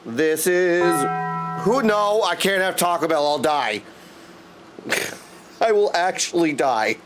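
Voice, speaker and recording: An animated, high-voiced man speaks at a slow pace while livestreaming, casually chatting with viewers and commenting on the game in an exuberant, slangy way. Game music runs in the background.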